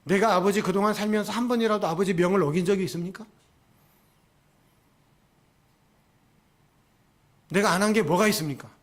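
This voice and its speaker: A man's voice: a little high, animated, normal speed. A man voicing an indignant elder son who angrily demands answers from his father, acted within a sermon. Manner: angry, complaining, demanding. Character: indignant resentful elder brother, grown son.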